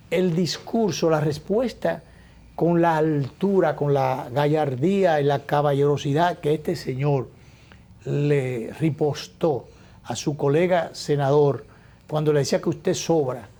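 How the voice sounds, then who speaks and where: A man with a mellow, slightly high voice hosts a talk show. He offers political commentary slowly and thoughtfully. He pauses and restarts his phrases often. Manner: measured, reflective, with many hesitations and restarts.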